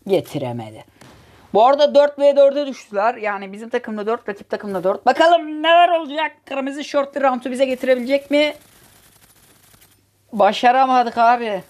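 Excitable joking woman gaming commentator. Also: on the high side, moderate pace. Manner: excitable, joking, teasing, cursing at rivals. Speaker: gaming channel host. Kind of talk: live gameplay commentary.

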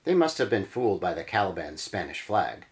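A man reads an adventure gamebook aloud for his channel, pausing for offhand remarks. His voice is lowish but swings widely in pitch. He leans into the dramatic beats. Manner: lively storyteller, dramatic emphasis. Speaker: channel host reading a gamebook. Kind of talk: reading a gamebook aloud with commentary.

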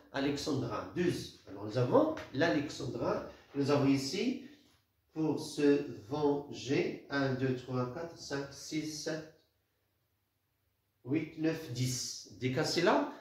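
A man teaching a literature lesson, halting and repeating words, counting syllables aloud. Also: fairly high pitch. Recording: very echoey room.

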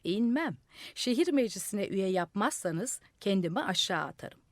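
Woman voicing a loud, defiant male madman for a storybook; high and jumpy, dry studio sound. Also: very animated, normal speed, no room sound. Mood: defiant shouting. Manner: loud, shouting demands. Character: stubborn madman on a rooftop, gleeful and defiant. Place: radio studio.

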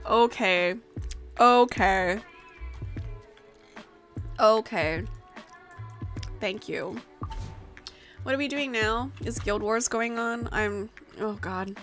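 Indoors in a small home room, a young woman rambles and giggles through a playful, casual gaming livestream, using a desk microphone with a headset. Her voice is a little high and a bit bright, and music plays behind her.

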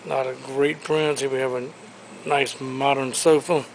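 His mid-range, creaky voice barely moves in pitch as he previews auction lots, quickly listing furniture and collectibles in lively salesman style. He's walking through a large warehouse showroom, recorded on a handheld camera, and the audio is poor with slight background noise.

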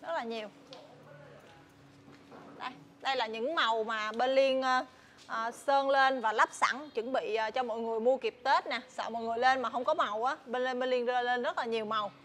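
High-voiced young southern Vietnamese woman. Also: steady tone, normal speed, fairly bright tone, a little hiss or hum. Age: young adult. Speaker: motorbike shop saleswoman presenting stock. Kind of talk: casual sales walkthrough. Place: large tin-walled motorbike warehouse. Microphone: clip-on lapel mic.

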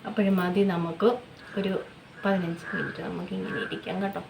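A woman's voice: fairly low pitch, a little fast, creaky, noisy background. A woman beauty vlogger chatting casually at home through a skincare tutorial, repeating herself and constantly checking in with viewers. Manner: chatty, repetitive, often adds tag questions to viewers.

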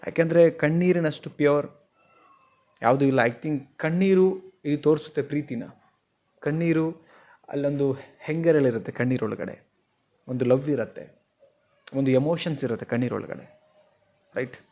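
A man with a Kannada accent and a somewhat high voice gives an earnest motivational talk to camera at normal speed, pausing often, questioning the viewer and mixing in English words. The audio is dull, recorded on a simple, non-professional mic.

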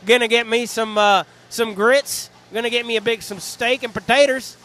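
A man's voice: very high-pitched, fairly even intonation, fairly bright tone, voice pushed up. A man putting on a folksy Texan cowboy with an exaggerated mock Texas drawl, hammed up and bad on purpose. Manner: hammy, deliberately bad accent.

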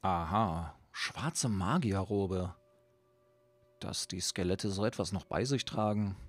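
A man giving casual gameplay commentary as a let's play host, talking excitedly to the enemies on screen. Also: deep voice, takes it slowly.

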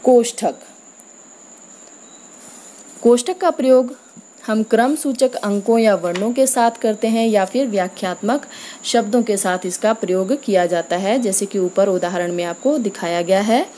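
Calm woman teaching a grammar lesson. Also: mid-range voice, slight background noise. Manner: clear, measured teaching tone, slowing for examples.

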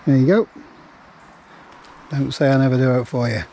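A man's voice: medium pitch, fairly even intonation, normal speed, mellow, a little hiss or hum. A man vlogging on a camping trip in a camper van, chatting casually with dry, self-mocking jokes. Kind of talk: casual vlog chat.

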